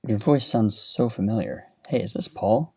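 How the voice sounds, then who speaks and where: A man's voice: fairly low pitch, normal speed, gravelly, no room sound, clean studio sound. A man voicing a young female drive-thru worker, curt and matter-of-fact, in a spoken comic story.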